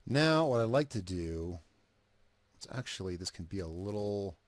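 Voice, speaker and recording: A video creator narrates his editing session in casual screen-recording commentary, thinking aloud with a cigarette in his mouth, trailing off, restarting, and swearing casually. His low voice is animated at a normal speed, recorded dry.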